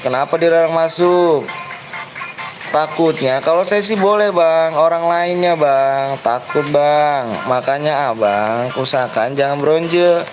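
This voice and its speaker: A man's voice: a little high, low-quality recording. Repetitive Betawi-accented man over game music. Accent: Jakarta Betawi. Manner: quick, repetitive, coaxing other players. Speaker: streamer running a custom game room. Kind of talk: live game stream chat. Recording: music playing behind.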